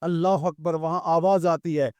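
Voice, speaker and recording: A man preaching an impassioned storytelling sermon, swelling and dropping dramatically and chanting verses slowly. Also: fairly high pitch, fairly even intonation, a little mellow, clear, resonant tone, no room sound. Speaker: Islamic preacher.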